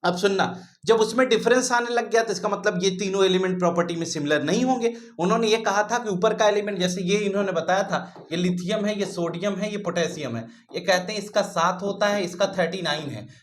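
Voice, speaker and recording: A man's voice: sits high, fairly quick. A man teaching a chemistry lesson, who calls his students "beta", asks questions and answers them himself, and repeats his key points. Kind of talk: classroom lecture.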